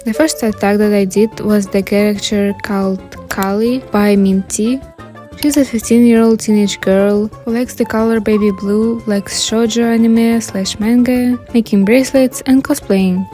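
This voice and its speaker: A woman's voice: medium pitch, fairly even intonation, normal speed, mellow. A young adult woman with a Russian accent, giving casual scripted commentary as the host of an art channel. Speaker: YouTube artist and channel host. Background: background music.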